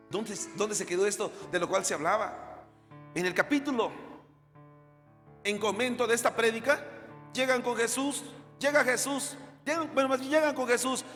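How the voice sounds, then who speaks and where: A male pastor, preaching an animated sermon full of questions to the congregation and acting out the voices of the people in his stories. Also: high-pitched, in a large hall.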